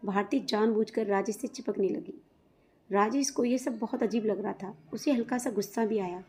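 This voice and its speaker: A woman storyteller reading a moral family story aloud in a steady, plain way, and asking her viewers to comment and subscribe. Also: medium pitch, moderate pace, husky. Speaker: storyteller, channel host. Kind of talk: storybook narration.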